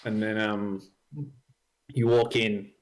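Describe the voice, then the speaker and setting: A man's voice: on the low side, little pitch movement, takes it slowly. A young man narrating as dungeon master, hesitant with many ums and likes. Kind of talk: narrating a tabletop game.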